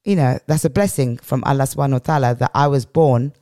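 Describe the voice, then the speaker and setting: Her voice is very deep, mellow and quick, captured in studio quality with no echo. She is a middle-aged Englishwoman with a strong, powerful delivery, sharing reflective personal stories as a podcast interview guest and repeating phrases to give them weight.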